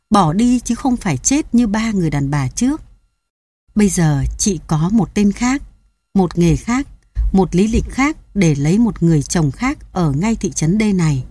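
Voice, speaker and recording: A woman reading a short story aloud in a steady, measured storytelling voice. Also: mid-range voice, husky, no room sound. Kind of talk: audiobook narration of a short story.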